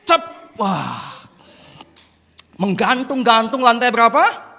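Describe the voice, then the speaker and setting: Animated high-voiced male preacher. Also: moderate pace. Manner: animated joking storyteller. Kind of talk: sermon to a youth congregation. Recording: echoey church hall.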